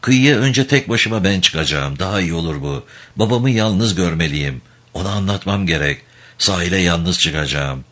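A man reading the part of a stunned but resolute young man who speaks quietly and firmly. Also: low voice, expressive, normal speed. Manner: quiet and firm.

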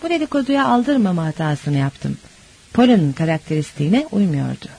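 Husky narrator reading a memoir, calm and reflective, voice moves up and down a lot. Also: medium pitch. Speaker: audiobook narrator. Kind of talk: scripted first-person narration.

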